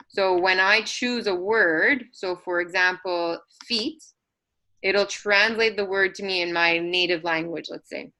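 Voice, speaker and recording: A woman with a lowish voice presents an assistive technology webinar, guiding parents through software tools with frequent ums and self-corrections. The recording quality is low.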